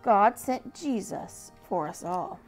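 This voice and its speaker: A woman voicing a wise, gentle male donkey who speaks low and slowly. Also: expressive, soft background music. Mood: tender. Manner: low and slow-spoken.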